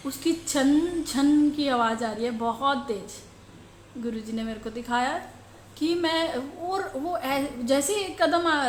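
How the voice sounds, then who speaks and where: A middle-aged woman telling the congregation about a devotional dream, slow and halting as she searches for words. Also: high voice, slight background noise. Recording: roomy echo.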